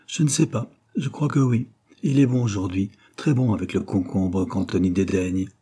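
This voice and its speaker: A man's voice: lowish voice, normal speed, warm tone, breathy edge. A man playing a sulky pampered young man. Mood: petulant. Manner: whiny, petulant.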